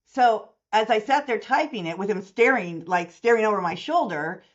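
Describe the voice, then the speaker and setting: Speaking at normal speed in a mid-range voice, a mortgage services company owner in her sixties tells stories in a long-form interview. She animatedly performs the voices of the people she quotes, on a muffled recording.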